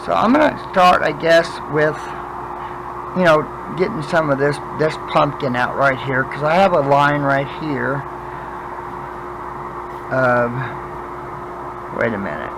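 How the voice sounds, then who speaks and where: Toothless guy on a craft vlog, kinda high voice, slurry, halting, chatting while he works, noisy hum behind him. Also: animated. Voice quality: toothless, slurred speech without teeth in. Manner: halting, thinking aloud. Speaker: craft vlogger demonstrating wood burning. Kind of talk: casual chat while working.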